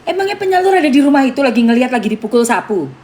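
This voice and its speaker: A woman's voice: sits high, very animated, rapid-fire, darkish tone. Indignant woman streamer. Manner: talks to viewers by name, argues indignantly; calls herself [name]. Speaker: live streamer. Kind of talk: casual live-stream commentary.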